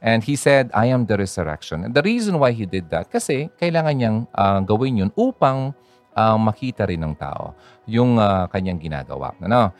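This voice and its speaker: A man's voice: on the low side, very animated, moderate pace, soft background music. A man hosting a radio talk, chatting casually about grief and faith, full of fillers and little "ha?" tags. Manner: chatty, code-switching, many fillers and "ha?" tags. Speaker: radio host.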